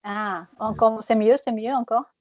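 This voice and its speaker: A woman teaching French pronunciation one-on-one, patiently repeating words slowly and laughing often. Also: a little high, fairly even intonation, darkish tone, dull audio.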